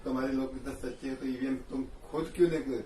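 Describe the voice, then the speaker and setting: A man's voice: medium pitch, fairly even intonation, fast, dark tone, slight background noise. A man in a casual political discussion, challenging and questioning others. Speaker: discussion participant. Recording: echoey room, distant mic.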